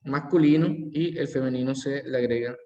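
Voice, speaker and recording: A man teaching a language lesson, slowly repeating each word form aloud as he explains it. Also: mid-range voice, warm tone, muffled recording, a little hiss or hum. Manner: slow, careful, repeats word forms aloud. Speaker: French teacher. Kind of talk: bilingual classroom lesson. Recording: echoey hall.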